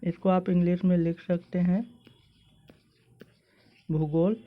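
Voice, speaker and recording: A teacher with an Indian English accent takes learners through a pronunciation lesson, sounding words out slowly, one syllable at a time. The speech is patient and hesitant, with fillers between phrases. The recording was made on a phone and sounds slightly dull. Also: mid-range voice, fairly even intonation. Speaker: online teacher.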